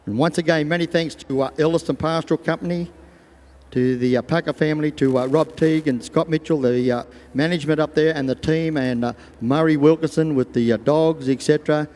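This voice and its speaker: A man's voice: fairly high pitch, fairly even intonation, a little fast, darkish tone. An Australian man commentating live sport as an arena announcer in a folksy manner over a stadium public address. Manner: folksy, voices imagined thoughts of riders and animals. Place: large show arena over loudspeakers. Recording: echoing stadium PA, long reverb.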